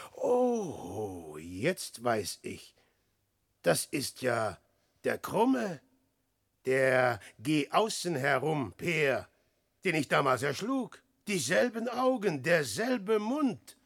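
A man's voice: mid-range voice, vocal fry, a bit bright, heavily acted. An actor playing Peer Gynt, a restless grandiose adventurer, declaiming his musings in rhyme in a classic radio drama. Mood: wondering.

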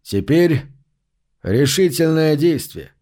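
A man reading an audiobook, voicing a calm, mocking and vengeful man with a smug, sneering manner. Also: on the high side, slow pace. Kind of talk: audiobook character voice.

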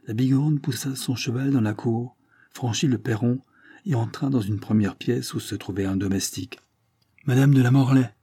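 A man reading a classic novel aloud in a measured, expressive narration at a close microphone. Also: fairly low pitch, breathy edge, no echo. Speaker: audiobook narrator. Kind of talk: scripted literary narration.

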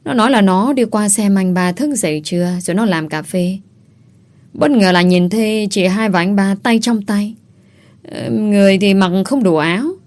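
A woman's voice: medium pitch, normal speed, a little mellow, close to an everyday voice. A woman voicing a polite young daughter who reports to her parents. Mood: prim.

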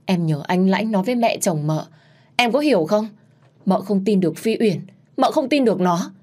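A woman voicing the spirit of a gentle dead woman, who speaks in a pleading, tearful way. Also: on the low side, lively intonation, moderate pace, slightly rough.

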